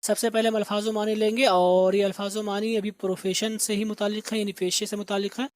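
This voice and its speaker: A teacher, slowly explaining English grammar and repeating words aloud for pronunciation. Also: medium pitch, little pitch movement, no echo, studio quality. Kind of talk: spoken grammar and vocabulary lesson.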